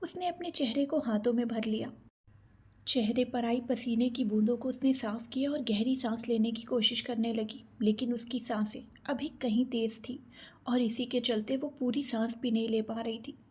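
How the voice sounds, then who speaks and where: A woman narrating a romance audio story episode in a steady, dramatic storytelling manner. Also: on the high side, slightly rough.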